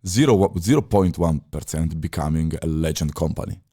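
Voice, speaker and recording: A former chef from Italy, in his 30s, talks casually as a podcast interview guest. His deep voice is warm and a little rough, and his English is halting, with frequent fillers and restarts.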